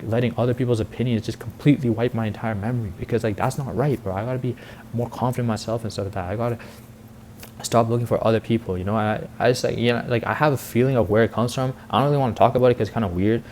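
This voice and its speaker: An eighteen-year-old vlogger and content creator rambles through a casual, confessional monologue packed with filler words and youth slang, saying "like" and "bro" constantly. His mid-range voice holds a steady tone and a darkish quality, and he talks rapid-fire. There's slight background noise.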